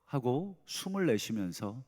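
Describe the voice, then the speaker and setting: Middle-aged male pastor, earnest sermon delivery, hushed pleas and emphatic swells, ringing church reverb. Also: mid-range voice, sing-song, unhurried. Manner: earnest, swings between soft pleading and loud emphatic bursts. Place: church sanctuary.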